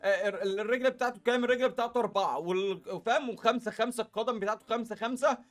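Man, Egyptian Arabic accent, very high voice, gaming commentary, chatty and talking to viewers, faint music behind. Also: very fast. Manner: chatty, talks straight to viewers with lots of filler asides. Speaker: gaming YouTuber. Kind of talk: casual gameplay commentary.

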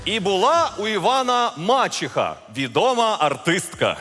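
A man narrating a fairy-tale parody in a stage comedy sketch, in a dry, deadpan way. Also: sits high, moderate pace. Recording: stage with long reverb and music.

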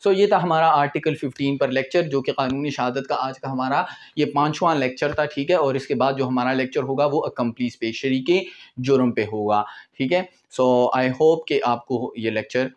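Speaking at a normal speed in a mid-range voice, a man in his twenties with a Pakistani accent teaches law informally and explains as he goes, with English legal terms mixed in. The audio sounds dull, and the setting is a small indoor room with a whiteboard.

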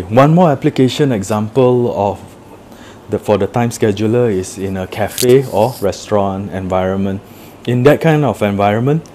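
Seated in an office room with a table, a man gives a relaxed product demo, describing every step plainly. He has a dark, low-leaning voice, and slight background noise can be heard.

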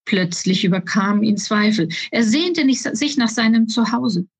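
A woman author reading her children's book aloud in a calm, even storytelling voice. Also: on the high side, moderate pace, slightly rough, no echo.

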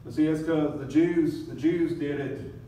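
A man's voice: fairly high pitch, a little slow, mellow, a little hiss or hum. Man preaching in an echoey church. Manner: dramatic, acts out crowd voices and laments. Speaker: pastor. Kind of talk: sermon. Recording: echoey room, from a distance.

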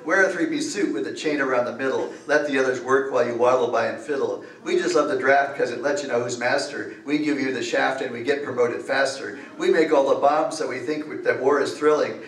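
A man's voice: mid-range voice, brisk, hardly any pauses. An older man at a library open mic, reciting satirical rhyming verse in a sing-song, mocking way at a podium. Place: library meeting room, at a podium. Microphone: podium mic, far camera. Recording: echoey room from far off.

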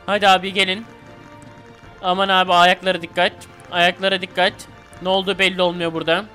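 A young man giving casual, excitable gameplay commentary and shouting at enemies in slang. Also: high-pitched, brisk. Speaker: gaming YouTuber. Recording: game music faint behind. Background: game music.

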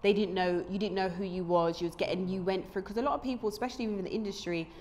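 A woman, hosting a casual interview, chatty, frank and animated, in a small studio set. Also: medium pitch, racing, a little hiss or hum. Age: 30s. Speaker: host. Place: small studio set with lamp and fireplace screen.

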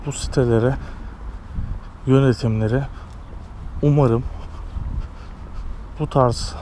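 A man's voice: medium pitch, steady tone, slow pace, dark tone. A man vlogging and interviewing fellow couriers casually, recorded outdoors on an action camera. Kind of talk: casual street interview and vlog commentary. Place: outdoors on city pavements. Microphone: action camera worn by speaker. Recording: outdoor street and vehicle noise.

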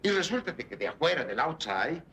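A rambling, cheeky Mexican joker with a high, bright voice. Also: male voice, very animated, a little fast, a little hiss or hum. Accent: Mexican Spanish. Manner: rambling, joking, sprinkles in broken English words. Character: rambling, cheeky small-town Mexican man. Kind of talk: 1960s film comedy acting.

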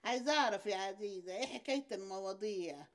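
A woman's voice: mid-range voice, fast, lightly acted. An older woman with an Egyptian accent playing a suspicious, demanding mother-in-law who keeps asking questions in a TV drama. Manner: prying, complaining, insistent questions. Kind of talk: TV series acting.

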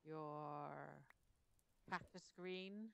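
A woman's voice: on the low side, drawn-out words, a bit bright, clear, resonant tone. A woman hosting a Minecraft let's play, chatting casually and playfully while she plays and sometimes breaking into sing-song. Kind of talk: casual gameplay commentary.

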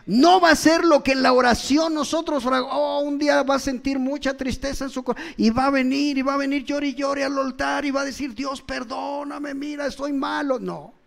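High-pitched, gravelly Mexican preacher. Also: male voice, fairly even intonation, a little fast, hardly any pauses. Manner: impassioned, calls out to listeners, swings between loud and hushed. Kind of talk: sermon. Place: church.

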